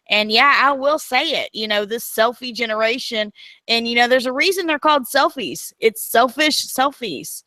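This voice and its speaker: A woman's voice: medium pitch, sharp tone, dry recording. A woman in her thirties hosting a casual chat, speaking in an opinionated, emphatic way. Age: 30s. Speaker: podcast host.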